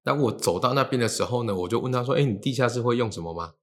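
A man's voice: medium pitch, fast. A man, a feng shui teacher telling stories in casual chat and acting out the quoted dialogue. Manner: animated, acts out quoted dialogue.

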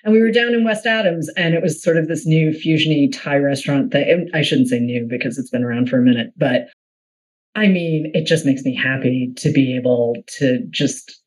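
A middle-aged woman from the Boston area hosts a casual podcast interview in a slightly low voice. She chats freely, laughs often and wanders into asides. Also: fairly quick, a little mellow, low-quality recording. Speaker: podcast host.

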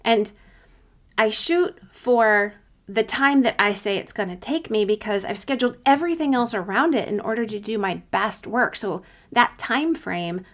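A woman hosting a solo coaching podcast, talking conversationally and giving informal, encouraging advice. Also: medium pitch.

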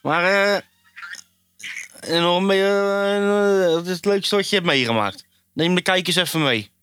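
A man's voice: sits high, a little slow, fairly bright tone, clear, resonant tone. Een man die als podcasthost losjes en plagend met zijn gasten kletst. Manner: teasing, joking. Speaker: podcast host. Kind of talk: casual podcast chat.

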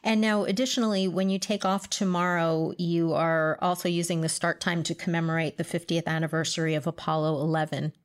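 A woman's voice: lowish voice, flat delivery, brisk, few pauses. A woman hosting a podcast, reading scripted introductions and putting questions to a guest. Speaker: podcast host and interviewer. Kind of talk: scripted podcast narration and interviewing.

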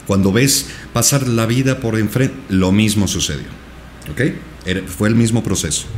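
A man's voice: fairly low pitch, a little mellow, slight background noise. A male podcast guest earnestly recounting a personal experience, with many repetitions. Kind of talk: personal storytelling in a podcast interview.

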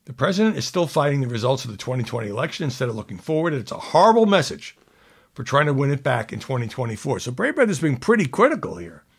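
A man's voice: medium pitch, very animated, quick pace, gravelly, breathy edge. A man hosting political commentary, reading quotes aloud and adding sardonic asides.

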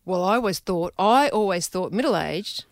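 A woman's voice: fairly low pitch, animated, moderate pace, no echo. A woman, co-hosting a casual radio chat, talking in a chatty way that trails off and restarts. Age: 40s. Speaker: radio co-host.

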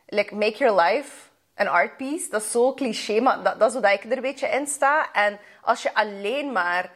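A woman's voice: mid-range voice, moderate pace. Chatty Flemish woman hosting a podcast. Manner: chatty, mixes English phrases into her talk. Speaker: podcast host. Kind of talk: casual chat.

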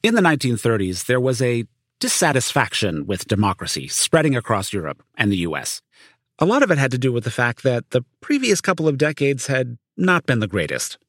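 A man's voice: medium pitch, sing-song, a little fast, fairly bright tone, no echo, clean studio sound. A man narrating a scripted documentary podcast in a conversational, storytelling style. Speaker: narrator and reporter. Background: music.

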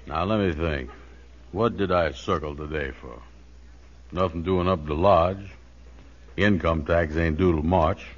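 Low-voiced pompous comic schemer. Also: male voice, measured pace, pauses often. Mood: pondering. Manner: folksy, self-important, ungrammatical. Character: pompous, dim, good-hearted male schemer. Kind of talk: 1940s radio comedy acting. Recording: dull lo-fi 1940s radio recording.

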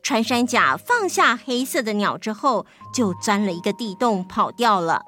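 A woman with a Taiwanese Mandarin accent narrating a folk tale as host, gentle and measured. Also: mid-range voice, very animated, soft background music. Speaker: storyteller host. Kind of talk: scripted narration.

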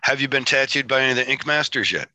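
A man's voice: medium pitch, quick pace, bright, forceful tone, no room sound. A man with a Michigan Great Lakes accent chatting casually as an interview host, in a rambling, self-deprecating way. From Michigan, United States. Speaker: podcast host interviewing a guest.

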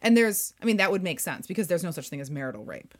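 A woman co-hosting a history podcast, explaining in a measured way, with some vocal fry. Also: fairly low pitch, big pitch swings. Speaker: podcast co-host. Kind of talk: casual history podcast discussion.

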